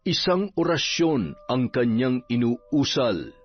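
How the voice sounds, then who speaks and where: Expressive male horror storyteller. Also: mid-range voice, takes it slowly, soft background music. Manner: dramatic, expressive reading. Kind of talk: scripted horror story narration. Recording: dull, muffled recording.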